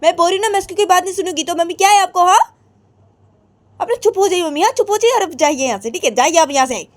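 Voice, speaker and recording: A woman voicing an angry, defiant young wife who fires back indignant questions in a shrill voice. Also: expressive, normal speed, darkish tone, dry recording. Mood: furious. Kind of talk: amateur storytelling with acted voices.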